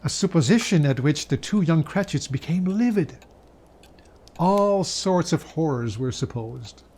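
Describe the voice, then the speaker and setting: A man with a fairly high, slightly rough, somewhat mellow voice gives a dramatic reading of a classic Christmas story. Animated yet unhurried, he savors each phrase and leaves theatrical pauses like a true storyteller.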